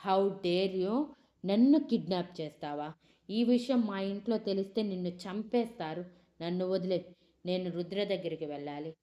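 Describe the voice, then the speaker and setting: A woman voicing an angry, bewildered young woman who has been kidnapped and shouts indignant questions. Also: mid-range voice, expressive, moderate pace, pauses often, voice pushed up, natural voice. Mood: furious.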